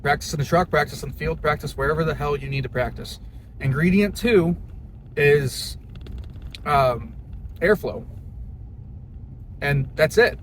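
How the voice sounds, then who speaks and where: With a fairly high voice and a measured pace, a young man pauses often while giving a casual, plain-spoken tutorial on duck calling, the way a hobbyist teaches a skill. The noisy recording picks up cars and ambient sound.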